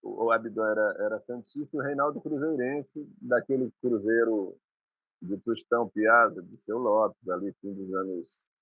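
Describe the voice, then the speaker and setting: A man's voice: on the low side, moderate pace, dry recording. Man reminiscing, phone-like sound. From Maranhão, Brazil. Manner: rambling, reminiscing, with restarts. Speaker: guest musician. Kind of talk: conversational storytelling.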